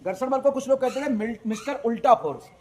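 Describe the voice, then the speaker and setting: A man's voice: very high-pitched, fast, heavy background noise. A man teaching a physics lesson. He asks his students questions, answers them himself, and stresses his points with energy. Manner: lively, emphatic explaining.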